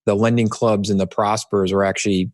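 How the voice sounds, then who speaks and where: A man's voice: fairly low pitch, flat delivery, a little fast, no room sound. A man hosting an interview podcast, chatting casually and friendly with plenty of fillers and restarts. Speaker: podcast host, company founder.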